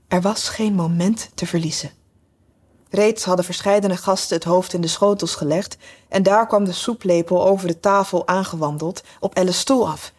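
A woman narrating a storybook in a measured, even reading voice. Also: medium pitch, slightly rough. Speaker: audiobook narrator.

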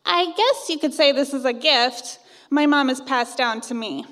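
A woman's voice: high-pitched, normal speed, a bit bright, big-room sound. A woman in her thirties from Iowa, narrating a personal ghost story in a wry, conversational way. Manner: wry, conversational, self-teasing.

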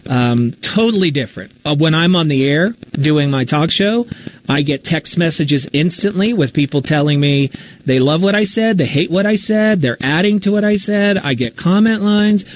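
During a live Q&A, a man who hosts a radio talk show and tells stories on podcasts discusses his own work with casual, self-deprecating candor. He talks at normal speed in a little high, animated voice, and the recording quality is low.

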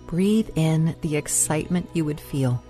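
A woman with a low, mellow voice leads a guided meditation over music. Her delivery is soft and unhurried, with room left between phrases for breathing and prayer. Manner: soft, soothing, unhurried delivery with long pauses. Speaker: meditation host.

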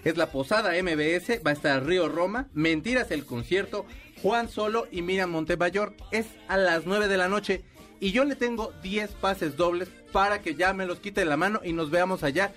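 A man's voice: sits high, normal speed, a bit bright, faint music behind. A man with a Mexican accent hosting a radio show, chatting casually and telling rambling stories with a playful tone. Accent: Mexican Spanish. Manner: playful, rambling storyteller with laughs. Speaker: radio host.

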